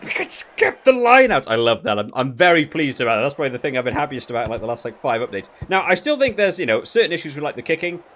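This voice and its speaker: A gaming video creator reviews a rugby game, rambling casually and thinking aloud as he plays. His voice is a little high and fairly bright, with a sing-song lilt, and he talks quickly with few pauses.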